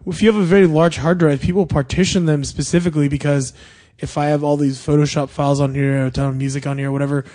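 A man on a podcast explaining things at length in casual chat, often trailing off softly. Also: a little high, steady tone, fast talker. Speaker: podcast co-host.

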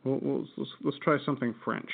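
A man's voice: mid-range voice, steady tone, brisk, vocal fry. An American man co-hosting a podcast, telling a folklore story in a rambling, laughing casual chat. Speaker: podcast co-host. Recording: tinny phone-like audio.

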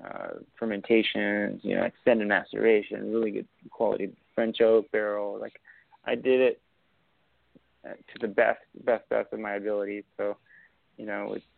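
In a casual interview chat, a young Argentine winemaker speaks at a moderate pace with a fairly low voice that shows vocal fry and little pitch movement. He rambles with many fillers and restarts over a tinny, dry, phone-like line with no echo.

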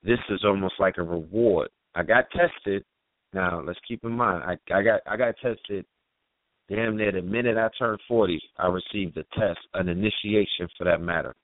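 A man in his forties hosting a radio talk show, speaking in a relaxed, laid-back way with drawn-out phrasing. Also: sits low, no echo. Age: 40s. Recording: dry phone-line call audio.

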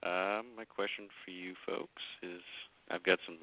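A man's voice: sits low, level tone, a little slow, no echo. A young man in his twenties calling in to a radio show, speaking hesitantly with many fillers over a phone line. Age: 20s. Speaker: caller.

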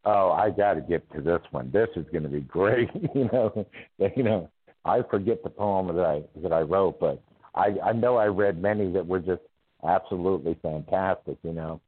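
Man, radio show caller, deep voice, rambling chat, tinny phone line. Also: normal speed, husky. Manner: rambling, chatty, laughs often. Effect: call-in voice over a phone line.

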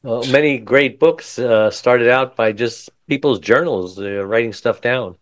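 An upbeat man hosts an interview podcast and drops quick asides between questions. His voice sits in the middle range and sounds close and dry, with no room around it. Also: mid-range voice, no room sound. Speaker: podcast host. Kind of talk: interview hosting.

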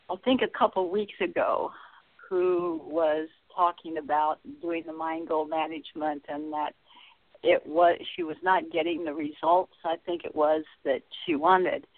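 A woman's voice: deep voice, vocal fry, no echo. Woman caller on a tinny phone line. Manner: halting, searching for words. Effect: tinny, distant phone line, as if inside a tin can. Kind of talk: call-in radio talk.

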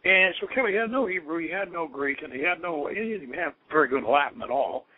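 This occult radio show host sounds animated and on the high side as he talks informally, halting and wandering in a scholarly, storytelling way. The audio is tinny and narrow, like a phone line.

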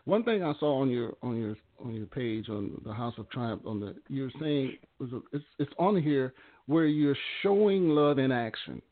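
A male interviewer keeps the conversation going with short affirmations and halting questions. His voice is mid-pitched. The sound is thin and phone-like. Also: lively intonation. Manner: brief affirmations, hesitant when asking. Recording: tinny phone-line audio.

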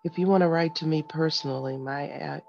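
A man hosts a morning wellness segment, leading a guided meditation and motivational piece in short, instructing phrases addressed directly to listeners. His voice is on the high side, creaky, fairly even, and brisk, over dull lo-fi sound with music behind.

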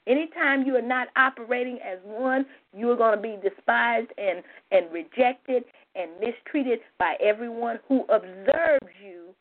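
A woman giving an informal spiritual lesson, repeating her points emphatically with frequent "you know" asides. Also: fairly high pitch. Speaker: spiritual teacher. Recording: tinny phone-like sound.

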